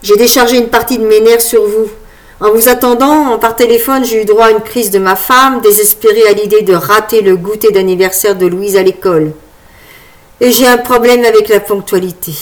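A woman reading aloud voices a grown man turned sheepish and apologetic, speaking lower and more quietly than her narration. He sounds subdued and a little embarrassed, in a storybook style. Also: fairly even intonation, moderate pace, lightly acted.

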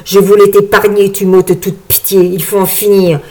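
Woman voicing a shrill vain frog fairy. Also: fairly even intonation, unhurried, lightly acted. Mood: furious. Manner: shrill, preening, imperious. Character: vain enchanted frog fairy, female, grandiose.

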